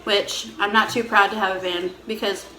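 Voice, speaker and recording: A woman's voice: mid-range voice, steady tone, moderate pace, sharp tone. A woman chatting casually as she hosts a question-and-answer video, informal and repeating phrases as she explains. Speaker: host of a couple's Q&A mukbang video. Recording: roomy echo, faint background noise.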